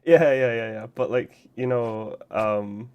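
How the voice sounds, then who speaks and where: A man's voice: mid-range voice, steady tone, takes it slowly, clean tone, muffled recording. A man streaming a game, chatting casually and explaining at length in a rambling way, full of "like" and restarts. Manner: rambling, explanatory, heavy use of "like". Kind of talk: casual chat while playing a game.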